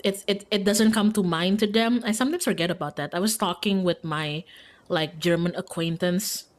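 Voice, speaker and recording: Her voice a bit on the low side and her pace moderate, an Indonesian streamer chats casually during a visual novel livestream. She's informal and giggly, using "like" frequently.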